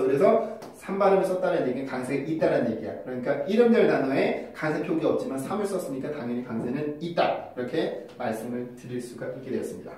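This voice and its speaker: A man's voice: fairly high pitch, dark tone, slight background noise. A man teaching English pronunciation in a casual video lesson, explaining patiently and moving between polite and casual speech. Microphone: phone camera with a mic on it. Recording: very echoey room, mic at a distance.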